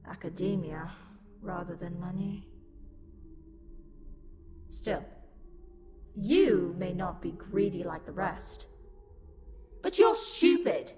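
In a roleplay audio drama, a woman with a mid-range voice plays a luck demon who is angry, haughty and sassy, sounding scornful, theatrical and exasperated.

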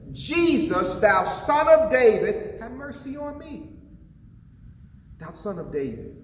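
A man's voice: on the high side, slight background noise. A man, an associate pastor, preaching a sermon with passion and putting questions to his listeners, recorded in a church sanctuary. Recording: echoey hall, voice from a distance.

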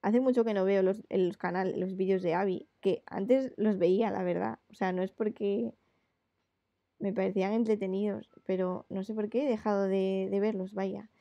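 Chatty woman with a gravelly voice. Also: mid-range voice, steady tone, moderate pace, no echo, muffled recording. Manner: chatty, rambling with many fillers. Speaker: illustrator. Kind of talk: casual chat while drawing live.

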